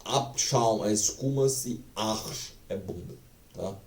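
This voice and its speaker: A man's voice: on the low side, slow pace, reverberant, distant mic. A man teaching a casual online language lesson, chatty and profane, full of fillers.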